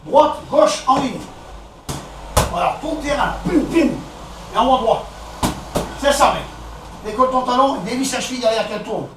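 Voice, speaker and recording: A man with a French accent coaching a boxing session, counting out combinations and calling out punches in short, brisk commands. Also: extremely high pitch. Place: echoey boxing gym. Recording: echoey gym, distant camera, background noise.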